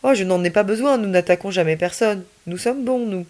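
A woman's voice: medium pitch, fairly quick, a little mellow, close to an everyday voice. A woman voicing Ami, a cheerful alien boy. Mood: carefree. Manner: playful, unruffled, laughing easily. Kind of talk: children's story reading.

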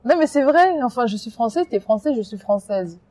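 Animated French woman, mellow voice. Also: a little high, fairly quick. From France. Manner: animated, emphatic, talks with many restarts. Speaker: interviewee. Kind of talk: casual interview.

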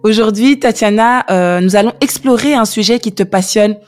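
Speaking at a normal speed in a mid-range voice, this Belgian woman hosts a faith podcast with faint music in the background. Her warm, conversational interview style is chatty, with frequent fillers and restarts.

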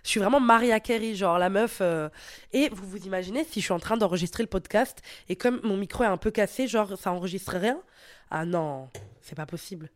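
A woman's voice: mid-range voice, a little fast, no echo, studio quality. A young woman hosting a casual advice podcast, blunt and playful, swearing freely and talking straight to the listener, a little sick, on a headset mic. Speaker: podcast host.

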